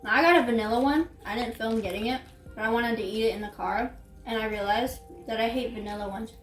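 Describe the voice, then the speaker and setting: Chatty young woman with a high voice. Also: quick pace, reverberant, soft background music. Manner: chatty, eats while talking. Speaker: vlogger. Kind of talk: casual snack-tasting vlog.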